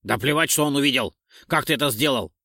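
A foul-mouthed male comrade with a short fuse, barking demands and swearing at the men around him, as a male narrator reads him. The voice is louder and pushier than the telling around it. It sits dry and close to the mic, with no room around it. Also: medium pitch, fast talker, dry recording. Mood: irritated. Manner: shouting, demanding, cursing. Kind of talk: audiobook character reading.

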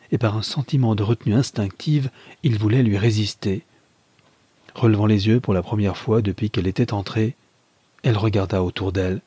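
An audiobook reader with a low, husky voice narrates a classic novel in a measured, steady manner. The recording is dry and close, without any room echo.

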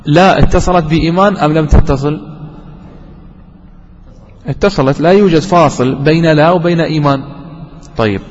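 A man's voice: on the high side, normal speed, long pauses. Man teaching grammar in an echoey hall. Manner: asks questions and answers them himself, repeats key words. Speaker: sheikh teaching Arabic grammar. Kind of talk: classroom lesson explanation. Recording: dull lo-fi recording with long hall reverb.

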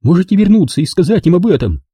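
Brief: male reader as a young woman near hysteria in an audiobook, raised pitch, dark husky tone. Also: measured pace, no room sound, studio quality, heavily acted. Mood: dazed. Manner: flat and lifeless, then shrill and pleading. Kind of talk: audiobook narration.

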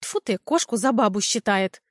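A woman's voice: fairly high pitch, expressive, moderate pace, dry recording, studio quality, natural voice. A woman reading a book aloud, voicing a nosy, sly old village grandmother who meddles and scolds. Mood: scolding.

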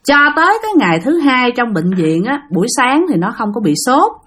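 A woman storyteller with a Southern Vietnamese accent tells a ghost story and addresses her listeners directly. Her voice is fairly high, and her pitch rises and falls in a lively way. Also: fairly quick, slightly rough. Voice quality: chatty, speaks directly to listeners. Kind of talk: spoken ghost-story narration.

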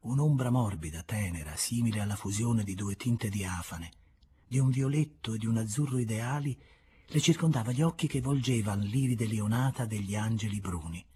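Un uomo che legge ad alta voce un romanzo classico, con ritmo misurato ed espressivo, a tratti quasi sussurrando. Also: male voice, lowish voice, slight background noise. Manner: measured, expressive, sometimes dropping to a whisper. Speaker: audiobook reader. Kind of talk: literary audiobook narration.

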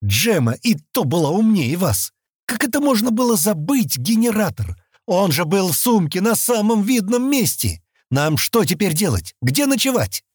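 A man putting on a hot-tempered shouting expedition leader. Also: high voice, big pitch swings, moderate pace, breathy edge, dry recording, clean studio sound, pitched above the performer's own voice, full character voice. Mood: furious shouting. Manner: shouting, exasperated.

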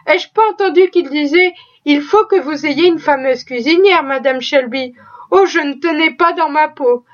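A woman's voice: high-pitched, normal speed, close to an everyday voice. A woman voicing a proud, talkative, pious female cook who chatters in a folksy, exclaiming way. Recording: slightly dull lo-fi recording.

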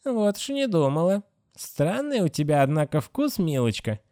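A man voicing a sharp-tongued middle-aged female caretaker who scolds with open contempt. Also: on the high side, very animated, normal speed, no echo, studio quality, pitched above the performer's own voice. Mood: scolding.

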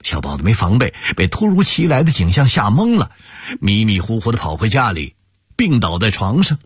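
A man voicing a weepy younger brother pleading through tears, husky. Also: on the low side, very animated, moderate pace, no room sound, clean studio sound, pitched above the performer's own voice, full character voice. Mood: distraught.

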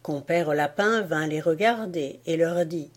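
A woman narrating a folk tale for an audiobook, lively and expressive in her telling. Her voice sits fairly low, and she takes her time. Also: measured pace. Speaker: audiobook reader. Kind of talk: storytelling narration.

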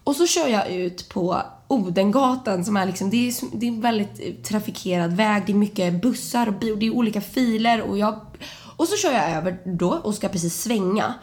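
A young woman, a podcast co-host, telling a story in casual chat and acting out the people in it. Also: few pauses. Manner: animated, acts out quotes with sudden high shouts.

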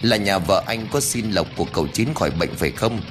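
A man's voice: on the low side, lively intonation, brisk, over music, lightly acted. A man voicing an inquisitive village man who asks questions insistently.

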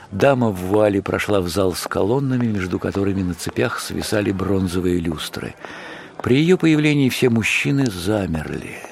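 A man's voice: on the low side, creaky, a little hiss or hum. A man narrating a dramatic story from a script.

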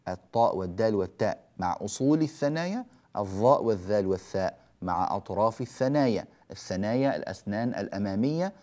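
A man teaching a recitation lesson, patiently explaining rules and chanting verse examples slowly. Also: medium pitch, a little mellow. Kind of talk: tajweed lesson.

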